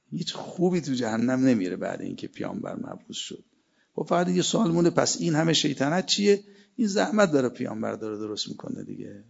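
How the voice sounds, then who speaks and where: A man's voice: fairly low pitch, gravelly, a little mellow, husky. A man giving a religious sermon, reciting Arabic verses between emphatic stretches of preaching. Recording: dull lo-fi sermon recording.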